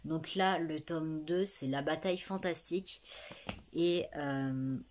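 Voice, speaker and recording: A woman's voice: deep voice, slow, slight background noise. A young woman chatting casually about a book series she is reading, with lots of fillers and restarts. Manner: rambling, many fillers and restarts, laughs often. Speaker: booktuber. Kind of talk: casual reading vlog chat.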